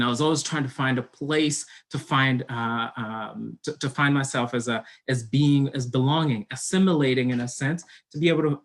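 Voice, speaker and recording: A young man from Kenya gives an online talk as a college admissions counselor. He speaks earnestly at a middle pitch, pausing often on "uh" and restarting his sentences as he goes. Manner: earnest, many fillers and restarts. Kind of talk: online presentation.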